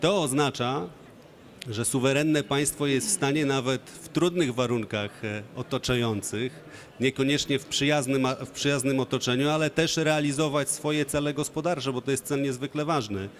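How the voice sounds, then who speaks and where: A man's voice: mid-range voice, moderate pace. A man speaking formally and measuredly on a conference panel, with frequent hesitations, into a handheld mic. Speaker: minister on panel. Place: large conference stage.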